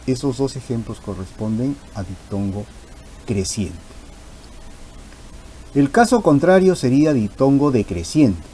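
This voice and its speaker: A man's voice: fairly low pitch, dark tone, a little hiss or hum, rough recording. A man teaching a grammar lesson, patient and repeating key terms for emphasis.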